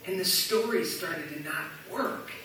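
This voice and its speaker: An earnest man speaks slowly and low, almost hushed, haltingly recounting a dream, as a preacher puts him on. The sound is an echoey church hall picked up from far off, with noise behind. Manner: hushed, slow, halting storytelling.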